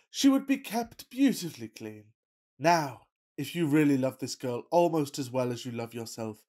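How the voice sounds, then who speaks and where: In a farcical radio play, an actor portrays a pompous, lovestruck rich young gentleman who is melodramatic and full of himself. His voice sits on the high side.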